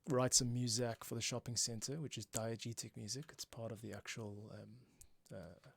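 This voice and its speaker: With music cues playing, a composer livestreams from a small home closet studio, thinking aloud and explaining casually as he works, tutorial-style. His medium-pitched voice is slightly rough with vocal fry, showing little pitch movement, at a moderate pace.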